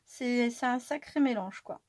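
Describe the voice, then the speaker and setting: A woman chatting casually through a scrapbooking tutorial, excitable and tired, with many fillers and restarts. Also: on the high side, measured pace, dry recording, studio quality. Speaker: scrapbooking vlogger. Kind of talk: casual crafting tutorial chat.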